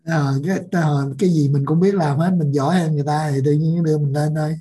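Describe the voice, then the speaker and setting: A woman speaks fast in a low, husky, mellow voice. She earnestly passes on her teacher's lessons about forgiveness. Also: steady tone. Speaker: discussion guest. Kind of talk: spiritual discussion.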